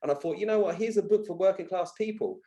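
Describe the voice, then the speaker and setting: A man appearing as a podcast guest shares candid personal stories in a colloquial, emphatic way. His voice sits high with a dark tone, and he talks quickly.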